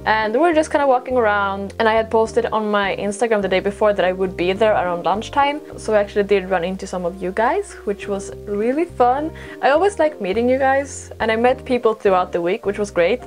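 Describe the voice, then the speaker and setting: Talking to camera with soft music in the background, this Swedish vlogger and podcast host spins chatty stories in a brisk, expressive, mid-range voice. Young and a native Swedish speaker, she pokes fun at herself and drifts into rambling tangents.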